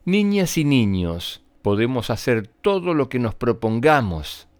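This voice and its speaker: A man's voice: mid-range voice, very animated, a little slow, no echo. A man voicing an eager, assertive young schoolgirl in a children's story. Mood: insistent. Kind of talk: storybook character reading.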